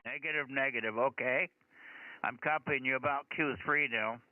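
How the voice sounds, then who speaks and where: A man's voice: medium pitch, moderate pace. A man working as a ham radio net operator, reading callsigns and repeating phrases in radio procedure talk over a crackly radio link. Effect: crackly radio transmission. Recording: crackly noisy narrowband shortwave radio with clicks.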